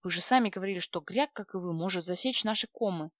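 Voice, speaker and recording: A curt, sarcastic young officer grumbles his lines, a little lower than the storyteller's own voice, as a woman narrator puts him on. The sound is dry with no room around it. The recording is slightly dull and lo-fi. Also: fast, fairly bright tone, no echo, lightly acted. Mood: grumbling.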